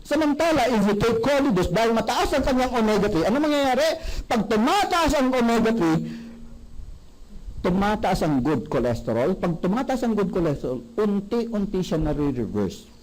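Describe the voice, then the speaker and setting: A man giving a sales seminar, animated and often asking the audience questions. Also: high voice, moderate pace, slight background noise, poor audio. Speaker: product presenter.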